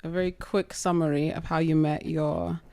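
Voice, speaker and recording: A woman's voice: deep voice, little pitch movement, moderate pace, warm tone, dry recording. A woman in her twenties hosting a casual chat, giggly and rambling, with religious exclamations. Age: 20s. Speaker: host.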